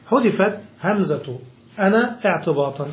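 A man with a high voice teaches grammar to a student, restating every point in simpler words and checking that it landed. The room is echoey. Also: lively intonation, normal speed. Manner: patient, repeats and rephrases each point, checks understanding. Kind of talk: explaining a grammar text to a student.

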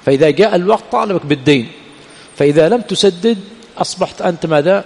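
This sheikh's voice sits high and sounds slightly mellow, and he speaks quickly with lots of animation. He teaches religious law in a hall at a teaching center, constantly posing rhetorical questions like "what?" and answering them on his own. Long reverb from the hall fills the recording.

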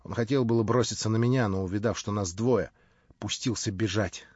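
A man narrating a classic novel in the first person with measured storytelling. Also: lowish voice, darkish tone, breathy edge, no room sound. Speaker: audiobook narrator. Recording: dry, slightly dull audiobook recording.

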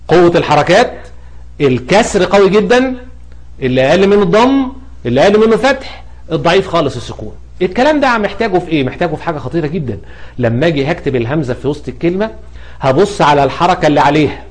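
A man with an Egyptian Arabic accent teaching an Arabic spelling lesson, asking questions and answering them himself. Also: on the high side. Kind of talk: explanatory grammar lesson.

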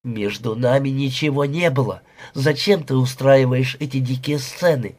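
Audiobook: male reader doing a soft, pleading young wife, husky tone. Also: mid-range voice, moderate pace, close to an everyday voice. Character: young woman, nineteen, pleading and defensive.

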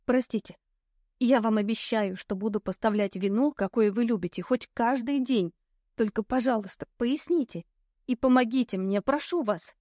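A woman's voice: a little high, normal speed, mellow, no echo, clean studio sound, lightly acted. A woman reading an audiobook, voicing a frightened young pregnant heroine who speaks urgently and pleads. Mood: pleading.

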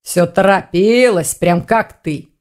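A woman voicing a gruff old male orc armorer in an audiobook, slow and grumbling with a hoarse low voice. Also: darkish tone. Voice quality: hoarse bass. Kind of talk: audiobook reading.

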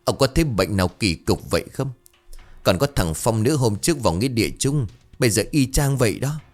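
A man's voice: mid-range voice, lively intonation, brisk, faint music behind, pitched above the performer's own voice, lightly acted. A man voicing an anxious middle-aged village mother, pleading and tearful. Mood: worried.

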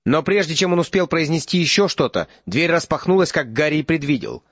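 A man's voice: fairly high pitch, lively intonation, fairly quick, a bit bright, slightly rough, dry recording. Man narrating an audiobook, dry dull sound. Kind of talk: scripted narration.

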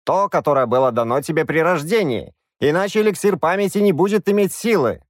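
A fussy old court wizard, as a male narrator voices him, hesitant and cautious, his voice raised a little above the narrator's and jumping around lively. Recorded dry and close. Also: on the high side, a little fast, no echo, voice pushed up, natural voice. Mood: eager.

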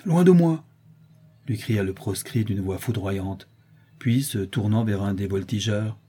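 A man narrating a classic tale in a measured, storytelling way. His voice sits a little low, with a mellow, dark timbre and a husky edge. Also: level tone. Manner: measured storytelling, voicing characters in dialogue. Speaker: audiobook narrator.

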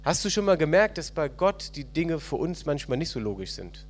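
A man preaching a sermon at a church service, retelling a parable with animated storytelling and questions to the congregation. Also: a little high, moderate pace. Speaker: pastor.

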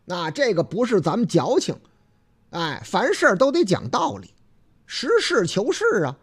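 A man with a Beijing accent hosting a casual radio talk show, chatty and folksy with drawn-out filler particles. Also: high-pitched, huge pitch swings, husky. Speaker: radio host.

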